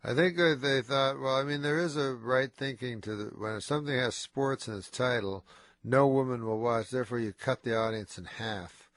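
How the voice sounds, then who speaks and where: A radio interview guest with a nasal, congested voice sounds weary, his delivery slurred, flat and low on energy. He talks at normal speed, and there's no room sound in the recording.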